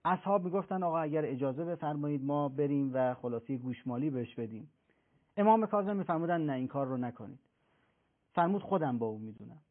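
A man's voice: fairly high pitch, lively intonation. A man speaking as a religious scholar on a talk show, telling a pious story earnestly and quoting the figures in it. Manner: earnest, preaching, recounts tales with quoted voices. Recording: thin phone-like broadcast sound.

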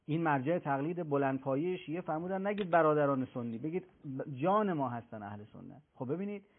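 On a talk show, a man speaking as a religious scholar earnestly preaches, telling a pious story and quoting the voices of the figures in it. His voice is on the high side and expressive, with a thin, phone-like broadcast sound.

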